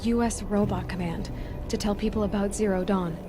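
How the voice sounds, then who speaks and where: A woman's voice: medium pitch, fairly even intonation, a little fast, noisy background, lightly acted. Woman playing Aloy, wry determined young huntress. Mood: curious, wry. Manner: wry, direct. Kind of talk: video game dramatic dialogue.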